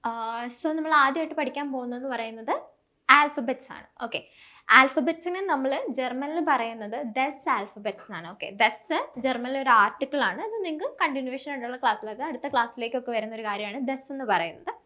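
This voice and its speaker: A woman's voice: high-pitched, quick pace, sharp tone. A woman German tutor, explaining a beginner lesson step by step and repeating each point.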